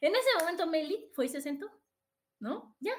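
High-voiced Mexican woman, chatty host. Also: expressive, normal speed. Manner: chatty, tags "¿no?" after points. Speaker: podcast host. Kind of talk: casual advice talk to live listeners.

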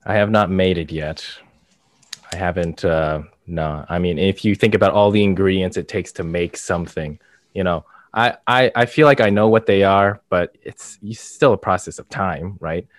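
Male podcast co-host, low register, monotone and casual, recorded dry and close. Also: moderate pace, no room sound. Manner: monotone, flat delivery.

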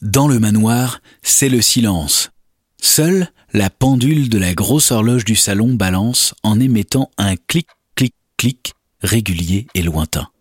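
A male storyteller reads a children's tale in a fairly low voice. It has a husky edge and is recorded very dry. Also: expressive, measured pace, dry recording. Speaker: narrator. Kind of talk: scripted children's story narration.

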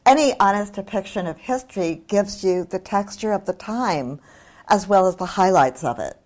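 Candid older woman author, medium pitch. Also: expressive, normal speed, a little mellow. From New Zealand. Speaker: author, guest speaker. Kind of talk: conversational literary discussion.

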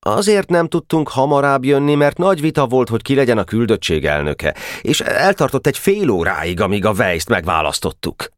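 A man voicing an eager, nervous schoolboy spokesman who explains things quickly. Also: medium pitch, big pitch swings, no echo, studio quality, voice pushed up, natural voice.

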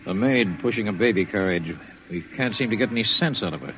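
Man acting a low-voiced police lieutenant. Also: a little fast, a bit bright, slight background noise, natural voice, poor audio. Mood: flat, businesslike. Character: matter-of-fact male police lieutenant. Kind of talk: old-time radio drama acting.

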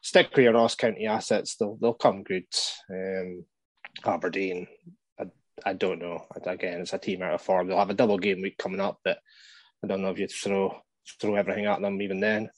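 A man co-hosting a casual fantasy football podcast, giving measured advice with frequent hesitations. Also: low-pitched, level tone, no echo. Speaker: podcast co-host.

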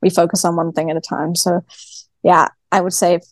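A woman's voice: fairly low pitch, level tone, moderate pace, no echo. A woman with a broad New Zealand accent, chatting casually as a guest athlete in a podcast interview. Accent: broad New Zealand (Kiwi). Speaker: guest, professional cyclist.

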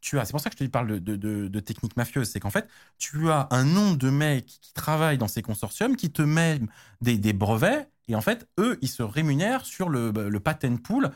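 A man's voice: mid-range voice, big pitch swings, a little fast. A man explaining technical standards in casual chat, slangy, with many restarts and fillers. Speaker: tech guest expert.

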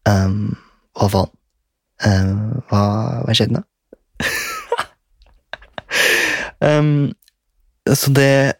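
A man's voice: on the low side, a little mellow, no echo. A young man casually telling a story in a rambling way. He swears often and laughs as he goes.

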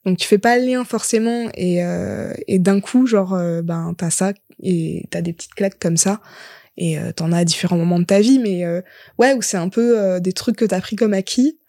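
A young woman, a musician guest on a podcast, talking in a relaxed, reflective way with many fillers and restarts. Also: lowish voice, normal speed, no room sound, studio quality. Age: young adult. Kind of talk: casual chat.

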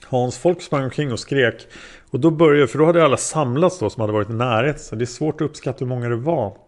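A man's voice: mid-range voice, lightly acted. A man voicing a male taxi driver testifying as a witness, answering in a plain, hesitant way. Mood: calm.

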